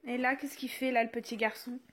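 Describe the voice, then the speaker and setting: A woman's voice: fairly high pitch, level tone, fairly quick, a bit bright. A young woman and mother filming a casual home vlog on her phone in her child's bedroom, chatty with many fillers, turning sing-song when she talks with her small children. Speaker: vlogger and mother. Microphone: phone held while filming.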